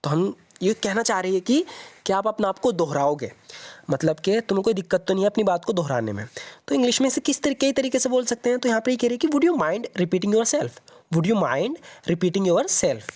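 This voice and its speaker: A man teaching English in a close voice-over, repeating each sentence slowly and then explaining it. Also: high-pitched, very animated, darkish tone. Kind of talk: explaining movie lines in Hindi.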